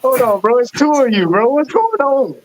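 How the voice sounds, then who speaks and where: A man's voice: extremely high pitch, big pitch swings, moderate pace, a little hiss or hum, low-quality recording. A man chiming in with short, playful replies in a casual chat on a call. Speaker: podcast co-host.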